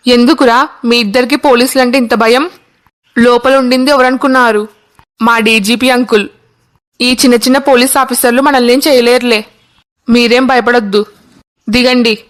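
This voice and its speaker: A man's voice: extremely high pitch, fairly even intonation, normal speed, pauses often, fairly bright tone. A voice artist voicing a brash, boastful young man in a cartoon. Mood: cocky. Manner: boastful, cheeky.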